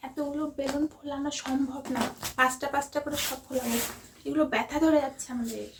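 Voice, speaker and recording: A woman with a Bengali accent vlogging in a hushed, stumbling near-whisper. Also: high voice, fairly even intonation, fast talker, very noisy. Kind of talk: casual vlog narration.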